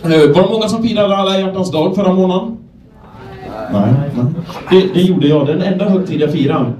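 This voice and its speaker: A young Swedish man from Gävle doing a stand-up set, telling self-deprecating stories in a deadpan way and acting out the people in them. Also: high voice. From Sweden, Gävle. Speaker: stand-up comedian. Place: comedy club stage. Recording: echoey club room, voice from a distance.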